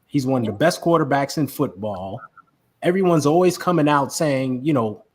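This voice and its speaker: Husky man in animated sports chat. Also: medium pitch, normal speed. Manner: animated, repeats words for emphasis. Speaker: podcast co-host.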